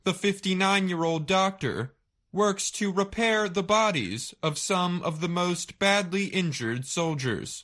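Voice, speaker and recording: A woman reading a scripted news story for language learners, deliberately, in short phrases with pauses. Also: on the low side, fairly bright tone. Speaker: narrator of a simple English news story. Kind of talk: slow scripted learning-English narration.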